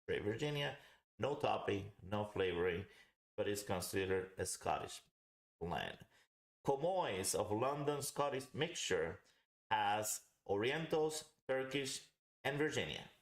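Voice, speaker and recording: A man's voice: fairly low pitch, very animated, unhurried. A man hosting a casual livestream, explaining things in a rambling way and repeating himself for emphasis. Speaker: host of a live pipe tobacco review. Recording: roomy, echoing home recording.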